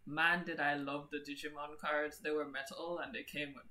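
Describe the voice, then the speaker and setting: A young adult woman chats casually on a live art stream with a notably low voice. She teases her co-host playfully and wanders from topic to topic. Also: level tone, moderate pace, pushed and bright. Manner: playful, teasing.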